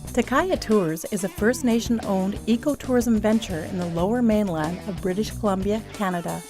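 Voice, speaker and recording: Woman narrator, measured travel-show read, music bed behind. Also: medium pitch. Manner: measured, informative. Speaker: documentary narrator.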